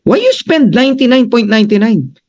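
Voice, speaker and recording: A man presenting as a business coach, emphatic and animated, addressing his audience directly, on a dull lo-fi recording. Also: very high voice, fairly quick.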